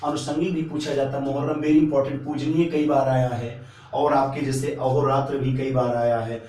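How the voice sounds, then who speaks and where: A man's voice: mid-range voice, flat delivery, moderate pace, mellow. A male teacher giving an exam-prep spelling lesson, repeating each word and asking and answering his own questions. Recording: echoey room, mic at a distance.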